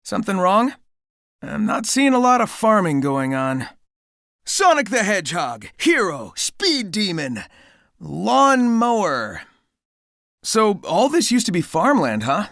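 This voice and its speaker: A man's voice: high-pitched, big pitch swings, takes it slowly, a bit bright, no room sound, studio quality, exaggerated voice. A man voicing a cocky, upbeat young hedgehog speedster in a video game, with a breezy, wisecracking and confident way of talking. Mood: wry, playful. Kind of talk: animated video game dialogue.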